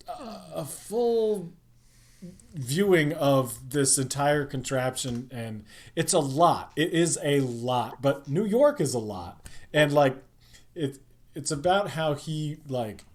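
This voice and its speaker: A man chatting casually on a podcast, rambling with lots of ums and restarts. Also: mid-range voice. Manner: rambling, many fillers. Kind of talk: casual chat.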